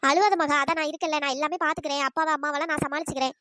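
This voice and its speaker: [name], a woman doing a squeaky bride's friend. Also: fairly even intonation, bright, forceful tone, slight background noise. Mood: reassuring. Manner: pleading, fast coaxing chatter. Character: chatty loyal young village woman, bride's friend. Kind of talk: cartoon voice acting.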